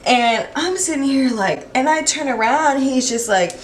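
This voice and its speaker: A young woman telling a storytime vlog in a casual, animated, profane way, full of fillers. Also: high voice, unhurried, a little hiss or hum.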